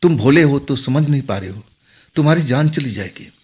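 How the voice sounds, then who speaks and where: A man voicing a young female ghost girl who keeps pleading and warning, in a husky voice lifted higher than his own. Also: animated, fairly quick, a little mellow. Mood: urgent pleading.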